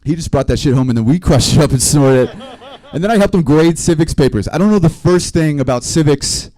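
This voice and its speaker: A man doing a stand-up comedy set, telling rambling stories in a deadpan way. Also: a little high, fairly quick. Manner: deadpan, rambling storytelling with small laughs. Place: live comedy stream venue.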